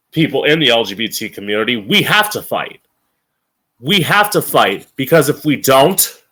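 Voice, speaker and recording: A male podcast host with a medium-pitched, slightly bright voice delivers an informal opinion monologue. He has a campy drag queen manner and is emphatic and opinionated, swearing plenty.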